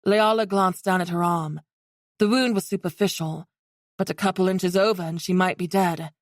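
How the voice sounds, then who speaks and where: A woman reading a fantasy romance audiobook in steady scripted narration. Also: on the low side, normal speed, no echo, studio quality.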